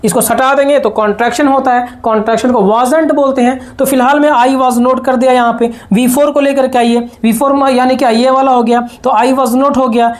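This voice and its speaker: A man teaching spoken English with an Indian accent. He explains in quick bursts and repeats drill sentences slowly. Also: very high-pitched, steady tone.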